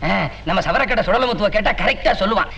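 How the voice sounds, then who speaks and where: A quick, eager servant sidekick. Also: male voice, sits high, lively intonation, pushed and bright, slight background noise, heavily acted. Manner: eager, deferential.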